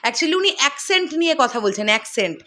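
High bright-voiced Kolkata woman commentating. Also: quick pace. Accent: Kolkata Bengali. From West Bengal, India. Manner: animated, questioning, rhetorical. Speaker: content creator. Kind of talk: casual commentary to camera.

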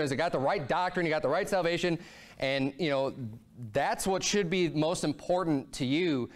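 High-voiced earnest man preaching from a pulpit. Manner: earnest, conversational preaching with many restarts. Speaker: pastor. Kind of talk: sermon. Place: church sanctuary, at a pulpit.

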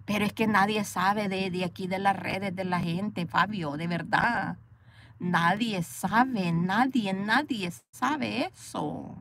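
Taking her time, a Salvadoran-accented woman chats playfully with live viewers from a parked car, reading comments, laughing, and replying to them. Her mid-range voice is a little bright with vocal fry, and the phone recording has slight hiss or hum.

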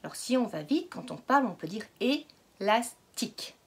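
A woman teaching a phonics lesson to young children, stretching out each word slowly and patiently asking questions. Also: on the high side, very animated, vocal fry, slightly rough. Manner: slow, exaggerated word pronunciation. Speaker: kindergarten teacher.

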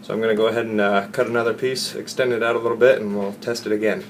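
Low, flat-voiced man explaining a DIY job. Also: very fast, slight background noise. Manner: plain, step-by-step explaining with fillers and self-corrections. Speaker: DIY instructor. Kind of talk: casual how-to demonstration. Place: unfinished basement bathroom, indoors. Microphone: camera mic, filming handheld and close.

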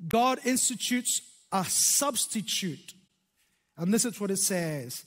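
Irish man in his fifties, pastor, high voice, animated sermon, slow dramatic emphasis, headset mic, long hall reverb. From Ireland. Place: large church stage.

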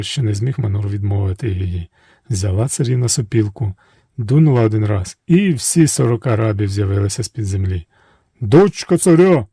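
A man narrating a folk tale in a measured, expressive way. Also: on the low side, husky, dry recording. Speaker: storyteller. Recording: dry studio voice-over with faint music.

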